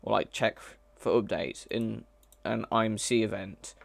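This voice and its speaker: A man's voice: fairly low pitch, steady tone, measured pace, vocal fry, no echo. A man streaming live as he codes, chatting casually and thinking aloud, often hesitant and correcting himself. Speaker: mod developer streaming live. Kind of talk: casual live coding commentary.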